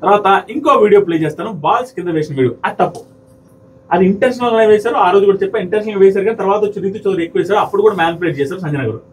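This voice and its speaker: A man's voice: high-pitched, very fast, far from the mic, rough recording. A man giving heated, argumentative commentary on a reality show episode and acting out the people he quotes. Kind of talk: fast opinionated commentary to viewers.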